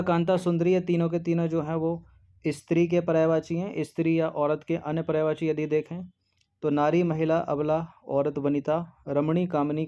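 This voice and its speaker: A man's voice: fairly high pitch, mellow. Male exam-prep teacher, methodical and level, with a dull lo-fi sound. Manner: methodical, reads options aloud and eliminates them one by one. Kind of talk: explaining a Hindi test paper. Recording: dull lo-fi recording.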